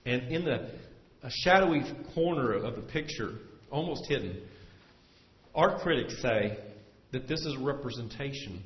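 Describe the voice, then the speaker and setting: A man preaching a sermon from the pulpit, earnest and steady, his voice swelling and slowing whenever he drives a point home. His voice rings through a large, echoey church sanctuary. The recording sounds dull and lo-fi. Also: mid-range voice. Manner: earnest preaching, swells louder and slows for emphasis. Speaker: pastor.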